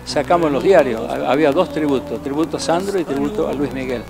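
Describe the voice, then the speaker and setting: Older man, singer guest, slightly high voice, halting and full of fillers, music bed under the talk. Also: creaky. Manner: hesitant, with fillers and repeated words. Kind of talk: casual interview talk. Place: indoor restaurant, large room. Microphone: handheld mic held by the interviewer.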